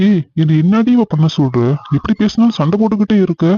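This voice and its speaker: A man's voice: high voice, lively intonation, fast, dry recording. A young man acting a husband who argues, then coaxes his wife on a phone call. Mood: defensive. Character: defensive young husband, later apologetic. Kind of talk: acted phone-call drama. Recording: slightly dull lo-fi sound.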